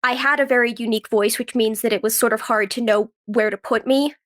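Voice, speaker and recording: Fairly high-pitched, bright and steady in tone, this actress and writer in her twenties speaks briskly as an interview guest. She has a cold and keeps her casual, youthful chatter full of "like."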